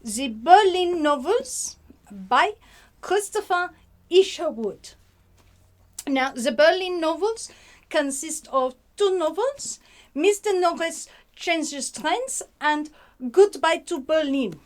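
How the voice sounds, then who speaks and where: Female book vlogger; high pitch, slow, halting delivery with words mixed in. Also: animated. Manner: sprinkles French words, halting with many fillers. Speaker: book reviewer host. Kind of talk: casual book review vlog.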